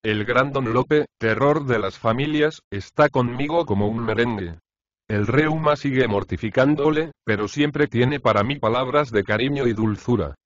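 A man narrating an audiobook, reading letters from a novel in an expressive, measured first-person way. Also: medium pitch, no echo. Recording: slightly dull, lo-fi dry recording.

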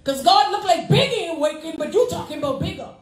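Woman associate pastor, high voice, lively preaching, roomy sanctuary sound. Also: fast talker. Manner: preaching with call-and-response, animated and laughing. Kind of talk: sermon. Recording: echoey church sanctuary.

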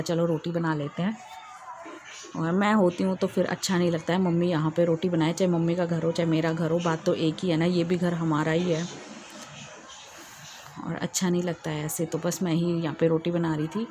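A woman's voice: on the low side, darkish tone, a little hiss or hum. A woman narrating her day in a casual home vlog, telling it in a chatty, rambling way. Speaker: vlogger.

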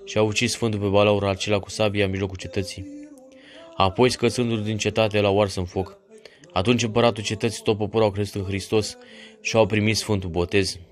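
A man giving a solemn, measured devotional reading of a saint's legend. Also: on the low side. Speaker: reader of a saint's life.

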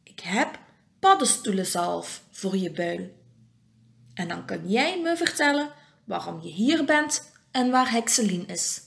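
A woman's voice: mid-range voice, big pitch swings, takes it slowly, vocal fry, heavily acted. A woman voicing a cheerful, mischievous little female fairy with a playful manner. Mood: caring. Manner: bright, playful.

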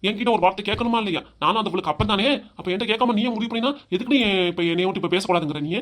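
This is a lightly acted, rapid-fire portrayal in a mid-range voice: a harsh, short-fused middle-aged father with a southern Tamil accent. The performer has him scold his wife, then shout, then cry.

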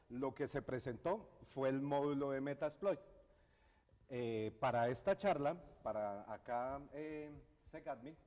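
This conference speaker is a middle-aged man with a Colombian accent and a medium-pitched, darkish voice. His technical talk is hesitant, with lots of fillers and restarts, and the recording carries the reverb of a university lecture hall with an audience.

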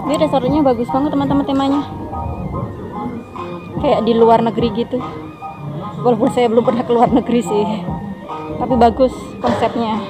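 A woman's voice: a little high, fairly even intonation, fairly quick, long pauses, rough recording. Chatty Indonesian woman on a walking vlog. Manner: chatty, addresses viewers as friends. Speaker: vlogger. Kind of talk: casual walking tour vlog. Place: outdoors at a seaside mall. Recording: loud background music.

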